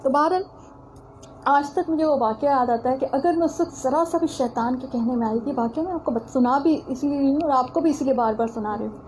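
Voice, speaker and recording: A high, mellow-toned woman gives a religious lecture. She tells stories from her own life in an earnest way and keeps turning to her audience as she speaks. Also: slight background noise, low-quality recording. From Pakistan. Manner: earnest, storytelling, addresses listeners directly. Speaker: religious teacher. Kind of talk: religious lecture with personal anecdote.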